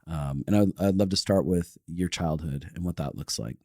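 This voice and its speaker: A man's voice: very deep voice, normal speed, darkish tone, no echo, studio quality. A man hosting a casual interview over a video call, playful with his questions. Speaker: podcast host.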